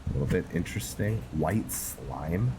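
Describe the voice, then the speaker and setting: This gamer, host of a roleplay series, rambles through relaxed commentary on his play, pausing and hesitating as he addresses himself and his audience. His voice sits low and sounds animated at a moderate pace, with video game music and a noisy background behind him.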